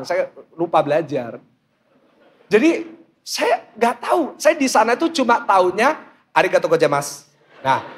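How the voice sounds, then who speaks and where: A middle-aged man, preaching as a pastor in a comic storytelling style and acting out the voices he quotes. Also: high voice. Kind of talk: storytelling sermon.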